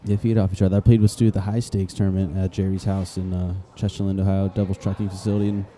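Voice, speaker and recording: Man with a very dark, low voice. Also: little pitch movement, quick pace. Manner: joking, chatty, calls shots as they happen. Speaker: play-by-play commentator. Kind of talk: casual live-stream sports commentary.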